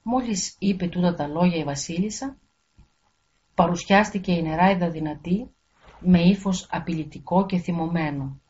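Woman storyteller reading a fairy tale, low voice, steady, muffled lo-fi audio.

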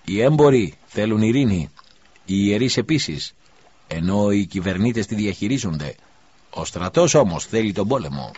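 A loud voice from a crowd, calling out with full force. A man voices him while reading a story. The husky, low tone comes through a dull, lo-fi recording. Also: animated, no echo. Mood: defiant. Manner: shouting out, loud.

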